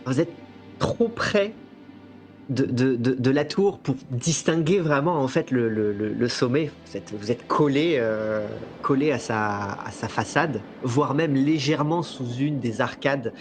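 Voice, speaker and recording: A man narrating a tabletop game as game master, with a theatrical, deliberate storytelling delivery. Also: medium pitch. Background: soft music bed.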